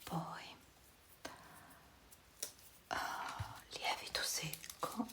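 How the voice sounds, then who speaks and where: A woman speaking in a hushed whisper, giving casual ASMR commentary and musing to herself in short phrases. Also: very slow. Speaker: ASMR creator. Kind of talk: ASMR, casual commentary while writing labels.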